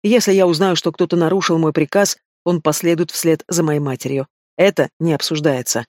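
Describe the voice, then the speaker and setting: A man's voice: on the high side, steady tone, a little fast, darkish tone, dry recording, studio quality, natural voice. A man reading the part of a stern, commanding young werewolf pack alpha in an audiobook. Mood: angry. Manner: commanding, clipped.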